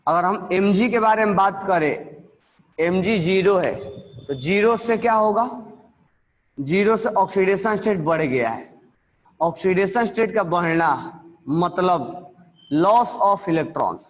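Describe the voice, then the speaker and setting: A man teaching chemistry in a classroom lecture, with terms, repeating key words slowly and quizzing his students. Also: sits high, in a large hall.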